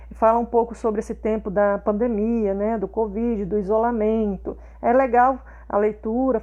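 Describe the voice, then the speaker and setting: A woman's voice: fairly high pitch, darkish tone, muffled recording. A woman teacher explaining a lesson to her pupils, patient and checking in with them often. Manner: patient, checks understanding with tags like "tá?" and "né?".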